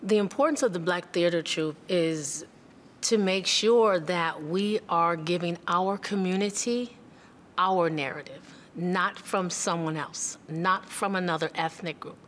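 A middle-aged woman speaking firmly and deliberately in an interview. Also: fairly low pitch, fairly bright tone, a little hiss or hum. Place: indoor theater seating.

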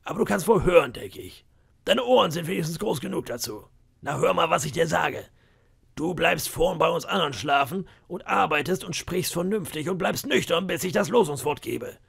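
A man doing Long John Silver, gravelly old pirate. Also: a little high, lively intonation, moderate pace, a bit bright, pitched above the performer's own voice, full character voice. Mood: scornful. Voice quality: gravelly, raspy. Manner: sly, bragging, chuckling. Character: boastful scheming old pirate cook, man about fifty. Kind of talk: audiobook character voice.

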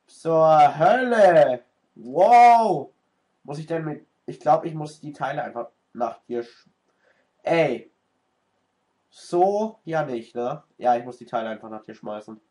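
Excitable man commenting his gameplay. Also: mid-range voice. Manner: excitable, exclaiming and cursing at the game. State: stuffy nose from a cold. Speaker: let's player. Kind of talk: live game commentary.

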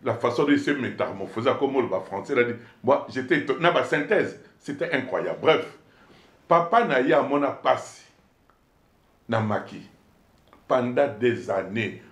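A man with a Congolese accent, a politician being interviewed, telling his story in an animated, emphatic way and switching between two languages. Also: mid-range voice, moderate pace. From Democratic Republic of the Congo. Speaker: politician guest. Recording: echoey room.

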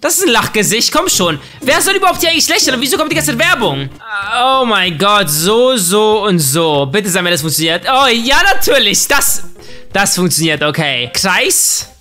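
A young man giving animated, joking commentary while playing a drawing game and talking to its characters. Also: high-pitched, normal speed, few pauses, faint music behind. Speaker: gaming YouTuber. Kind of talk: casual let's-play commentary.

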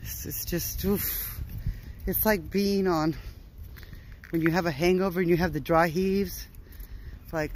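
Brief: high-voiced male vlogger, worn-out and fed up, cursing and sighing outdoors, faint hiss behind him. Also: low-quality recording. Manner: weary, frustrated, sighing, profane, drawn-out phrases. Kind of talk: casual vlog talk. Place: outdoors on a short walk.

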